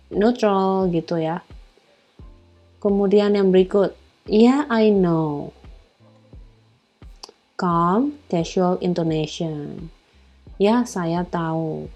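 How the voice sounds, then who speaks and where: Slow, mellow Indonesian-accented woman teacher. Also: fairly low pitch. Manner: explains in Indonesian with many fillers, reads English words slowly. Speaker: English teacher. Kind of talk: casual online lesson.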